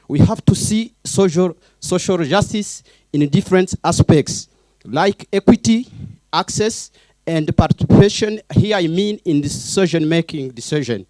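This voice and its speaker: Man from Burundi, NGO director, slightly high pitch, earnest and brief. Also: animated, a little slow, a little mellow, no echo. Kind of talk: panel contribution.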